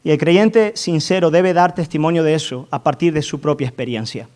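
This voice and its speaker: Quick and on the high side, with a darkish tone, this man's voice carries a passionate sermon. The pastor rises to forceful climaxes, keeps asking the congregation to affirm him, and repeats words whenever he starts over.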